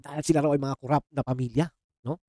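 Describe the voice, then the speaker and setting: Over heavy background noise, a Filipino man talks fast in a medium-pitched, steady voice, ranting about politics to his viewers. He's sarcastic and fired up, mixes in English exclamations, and keeps calling them "mga chong."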